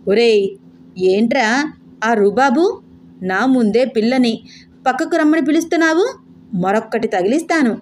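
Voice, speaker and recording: A woman's voice: medium pitch, normal speed, a little hiss or hum, natural voice. A woman voicing a bossy old grandmother who scolds and orders her family around. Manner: sharp, commanding, scolding.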